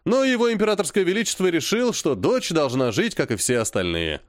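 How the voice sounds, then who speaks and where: A man's voice: on the high side, very animated, fairly quick, no room sound, clean studio sound, voice pushed up. A man reading aloud and voicing a formal, ingratiating older school director. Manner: formal, fawning.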